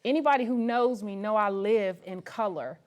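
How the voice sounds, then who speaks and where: A woman's voice: mid-range voice, moderate pace, darkish tone. A woman hosting a talk show, effusive and upbeat, full of praise and affirmations for her guest. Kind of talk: casual interview chat.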